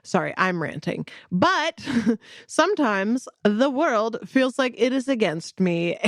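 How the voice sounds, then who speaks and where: A woman's voice: medium pitch, no room sound, clean studio sound. A woman in her thirties co-hosting a podcast, chatting in a rambling way and laughing often. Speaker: podcast co-host. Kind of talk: casual chat.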